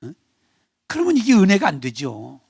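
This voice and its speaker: A male pastor preaching a Sunday sermon in Korean, animated, acting out quarrelling family members. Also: high-pitched, moderate pace, vocal fry, slightly rough, no room sound, clean studio sound. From South Korea. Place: church sanctuary.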